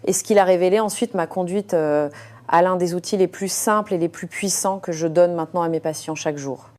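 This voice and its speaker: In a rather low, slightly mellow voice, a woman recounts her own story as a surgeon. She keeps it measured and confiding, with plenty of hesitant fillers.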